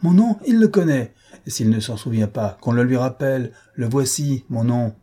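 A man reading aloud and voicing a fierce gentleman adventurer in an audiobook, raised a few notes above a dark, husky voice. He barks urgent commands, all force and impatience. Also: mid-range voice, fairly even intonation, moderate pace, close to an everyday voice. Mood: commanding. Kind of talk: audiobook character voice.

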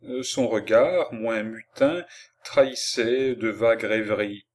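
A man reading an audiobook of a classic novel with measured, expressive narration. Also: fairly low pitch. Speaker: audiobook reader.

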